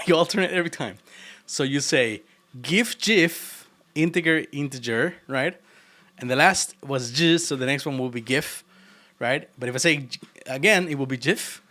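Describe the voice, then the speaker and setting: Coding on stream, this Argentine man jokes around with his chat, laughing a lot and teasing playfully, his Argentine Spanish accent clear. The voice is fairly high, pushed and bright, animated but at a measured pace.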